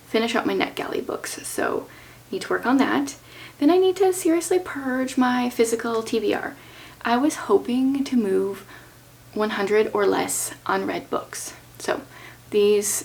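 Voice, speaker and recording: A woman talking casually and chattily as a book vlogger, thinking aloud in an informal way with a creaky voice. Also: fairly high pitch, measured pace. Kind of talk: casual chatty talk to camera about reading plans.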